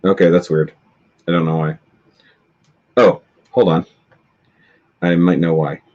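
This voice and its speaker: Chatting casually on a live stream, a man rambles and corrects himself while dealing with tech trouble. His deep, darkish voice is steady and unhurried, but it comes through distorted and tinny in dull, lo-fi stream audio.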